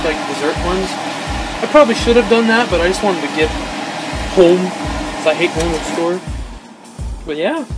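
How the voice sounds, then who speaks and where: A man's voice: sits high, low-quality recording. A young man making a casual cooking vlog at home, joking and mocking himself. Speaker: YouTuber. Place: home kitchen. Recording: music playing underneath.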